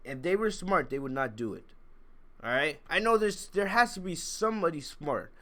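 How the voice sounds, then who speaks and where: Speaking at a normal pace, a man with a slightly high, somewhat bright, expressive voice sounds under the weather with a cold. Hosting a wrestling review livestream, he talks to viewers in casual live commentary that's blunt, emphatic, and opinionated.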